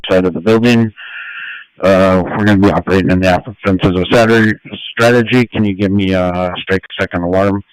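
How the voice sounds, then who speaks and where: Male fire commander, low smooth voice, urgent firefighter radio delivery, procedural orders over dry two-way transmission. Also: fairly even intonation, brisk, no room sound, rough recording. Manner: procedural, instructing. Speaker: firefighter incident commander on scene.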